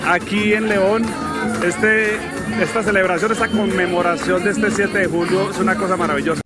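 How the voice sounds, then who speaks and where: A man's voice: sits high, fairly even intonation, normal speed. A man, an ambassador, speaking emphatically and enthusiastically at an outdoor rally. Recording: loud crowd and music outdoors.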